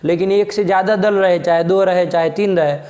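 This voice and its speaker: A man with a high voice is teaching in an echoey classroom. He keeps quizzing his students, makes them say each line back, and scolds whoever lags behind. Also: fairly even intonation, a little fast, warm tone. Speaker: Sanskrit logic teacher.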